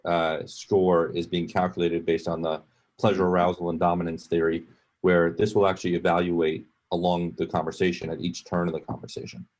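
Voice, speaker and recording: A man giving a software demo and explaining what the screen shows in a matter-of-fact way. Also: low voice, level tone, fairly quick. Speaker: product demo presenter.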